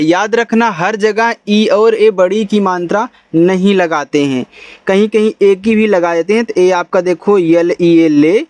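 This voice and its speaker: A man's voice: high voice, darkish tone, no echo. A man teaching English reading in a patient lesson, spelling each word letter by letter, then sounding it out and repeating it. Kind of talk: Hindi-language phonics lesson, spelling out English words letter by letter.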